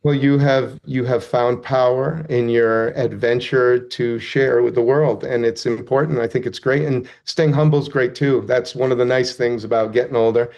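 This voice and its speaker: As a guest in a casual interview, this man has a steady, mid-range voice with vocal fry and a slightly mellow quality, talking at a moderate pace with hardly any pauses. He wanders through his thoughts sincerely, occasionally making himself the butt of the joke.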